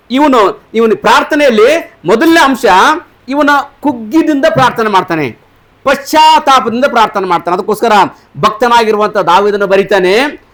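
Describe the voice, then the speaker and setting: A pastor preaching in a church, quizzing the congregation and repeating their answers, with frequent hallelujahs. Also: male voice, very high voice, fairly bright tone. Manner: punctuates points with hallelujah. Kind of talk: sermon. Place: church service.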